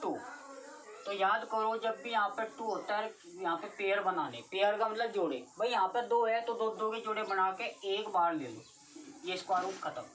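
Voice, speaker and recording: A woman's voice: mid-range voice, normal speed, fairly bright tone. Distant woman teaching math. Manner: repetitive, keeps questioning students. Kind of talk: classroom math lecture. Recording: distant mic with faint noise.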